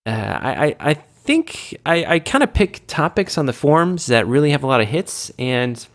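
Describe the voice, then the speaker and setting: A man's voice: on the high side, very animated, moderate pace. Man, gaming chat host, sick with a cold, rambling, self-mocking, casual. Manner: rambling, self-mocking, loses his train of thought.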